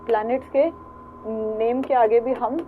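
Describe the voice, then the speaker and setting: Woman grammar teacher, Indian English accent, unhurried classroom delivery, lo-fi phone-quality recording with faint hiss. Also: a little high, steady tone. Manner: explains in Hindi with English examples, repeats words slowly, frequent "theek hai"; addresses students as "beta".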